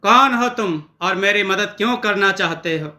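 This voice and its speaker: A man's voice: high voice, normal speed, bright, forceful tone. A man voicing a timid, lazy young cook who frets over every task. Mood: fretful.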